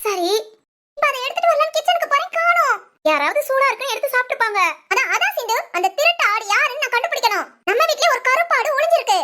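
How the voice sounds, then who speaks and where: Woman voicing a very high, bright-toned cartoon young wife, excitable and whiny. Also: fast, slight background noise, exaggerated voice. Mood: fretting. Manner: excitable, whiny complaints, giggly. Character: chatty young wife in a cartoon family comedy. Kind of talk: cartoon voice acting.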